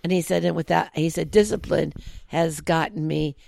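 Lower gravelly woman voice, lots of yeah and right, tells stories, dry mic. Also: moderate pace, a little mellow, no echo. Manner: lots of agreeing backchannels, storytelling. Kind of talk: casual chat.

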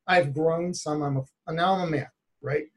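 A male therapist, a guest on an interview show, telling a personal story in an animated way and laughing often. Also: a little high, normal speed.

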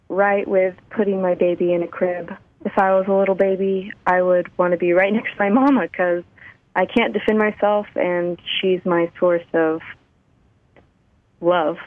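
A woman calling into a radio show, her phone line breaking up and cutting out as she talks earnestly, with frequent pauses. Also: medium pitch, steady tone, no echo. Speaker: phone-in guest. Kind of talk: casual radio talk. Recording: tinny, dry phone line.

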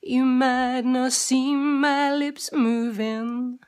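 Guest singer from the UK, woman, high voice, very slow delivery. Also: level tone, a little mellow, smooth, soft background music. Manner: slow, drawn-out singing. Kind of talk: sung performance.

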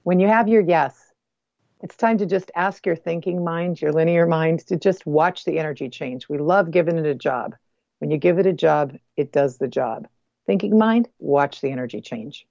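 Speaking softly and close to the ear, a woman guides a meditation as a guest healer, using deliberate, measured phrases broken by pauses. Her voice is low-pitched and creaky. The recording has no echo, and the highs are cut off.

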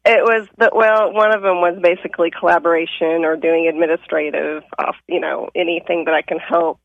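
Woman phoning in to a radio show, muffled dry line, kinda gravelly, pitch jumps around. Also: fairly even intonation, fairly quick, no room sound. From Kansas. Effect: heard over a phone line. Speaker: caller. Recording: dull, dry phone line.

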